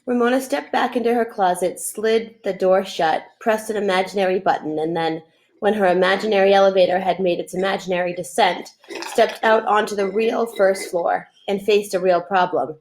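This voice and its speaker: A middle-aged woman reads a children's chapter book aloud the way a teacher would, sitting at a computer in a room at home with a desk mic and webcam framing. Her voice is medium-pitched, steady and somewhat dark, delivered at normal speed, and the recording is rough.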